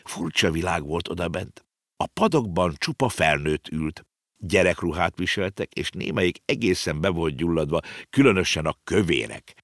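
A man narrating a children's story with expressive storytelling. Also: deep voice, dry recording, clean studio sound. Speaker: audiobook narrator. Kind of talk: scripted narration.

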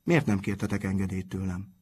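A man reading aloud and voicing a strict, measured middle-aged schoolmaster. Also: low voice, dark tone, husky. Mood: stern. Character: stern, calm middle-aged male schoolmaster.

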